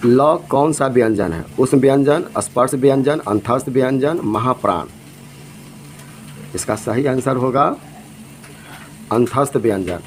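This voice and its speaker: A man's voice: medium pitch, unhurried, pauses often, a little hiss or hum, low-quality recording. A man teaching an exam lesson, reading out each multiple-choice question and its options, then giving the correct answer.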